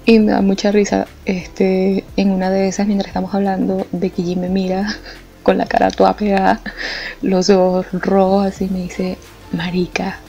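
A young Venezuelan woman telling a funny anecdote in a lively, colloquial way, laughing often. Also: medium pitch, moderate pace, vocal fry. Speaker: art vlogger. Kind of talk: casual storytelling. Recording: slightly muffled with faint music. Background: faint background music.

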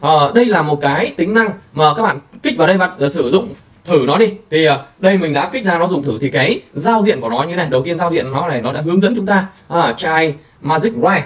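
A man hosting a screen-recorded software tutorial, talking casually to viewers with many fillers. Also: on the high side, expressive, fairly quick, far from the mic. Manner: chatty, filler-heavy, addresses viewers directly. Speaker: tutorial host.

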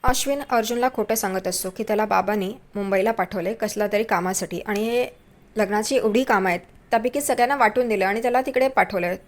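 A woman's voice: medium pitch, fast talker. A woman narrating a recap of a TV serial episode in a chatty storytelling way, adding mocking asides about the characters.

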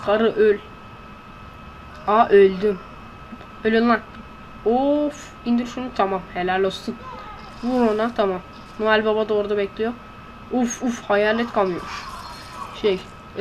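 A woman giving let's-play commentary in a hushed voice, blurting excitable reactions and slang while playing. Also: mid-range voice, a little hiss or hum. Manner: talking in a hushed voice. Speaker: gameplay commentator. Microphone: close to a desk microphone.

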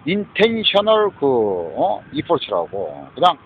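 A man with a Korean accent rants angrily and rambles like a street preacher, drawing out words as his fairly high pitch swoops wildly. He swears often, mixes Korean and English, and keeps tacking on a challenging "eh?". The recording is dull and lo-fi, with a little hiss or hum.

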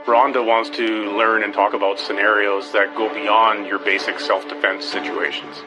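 A man reading scripted true-crime narration in a flat, steady voice. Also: fairly low pitch, normal speed, music in the background, low-quality recording. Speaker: documentary narrator.

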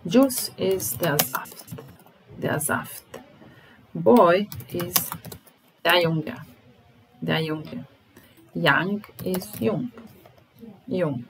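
A woman teaching German vocabulary, explaining in English and slowly repeating each word and verb form. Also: lowish voice, gravelly, noisy background. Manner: slow and deliberate, repeating each word and conjugating verbs. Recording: music playing under the voice.

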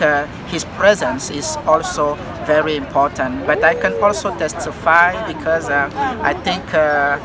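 A middle-aged man from Cameroon, a civil society leader, answering interview questions on a park bench, pausing often to search for words. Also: fairly high pitch. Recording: outdoor park with traffic noise.

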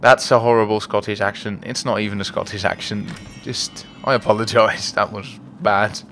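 A man's voice: fairly low pitch, steady tone, moderate pace, a bit bright, a little hiss or hum. A man hosting a let's play video, chatting, thinking aloud, and joking at his own expense as he plays. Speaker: gaming video host.

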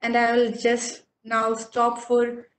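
A woman's voice: a little high, completely flat delivery, slow. A woman lecturer with an Indian English accent, patiently explaining poetry and often checking that students follow. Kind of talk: online literature lecture. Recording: echoey room.

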